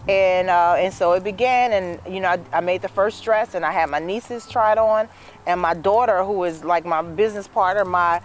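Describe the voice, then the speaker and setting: Appearing as a guest in a casual interview, a dress business owner of about fifty shares her story, sprinkling in many "you know"s. Her voice is fairly low and her speed normal, with a little hiss or hum in the recording.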